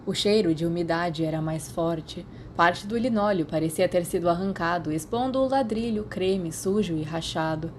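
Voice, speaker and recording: A woman with a Brazilian accent narrates scripted fiction as a podfic reader, in the style of an audiobook. Her voice is on the low side, paced moderately with hardly any pauses, and a little hiss or hum is audible.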